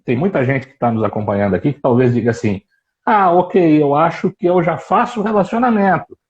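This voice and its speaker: A man's voice: medium pitch, dark tone, dull audio. A man hosting a live-stream interview, asking long framing questions. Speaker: host. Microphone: phone or video call.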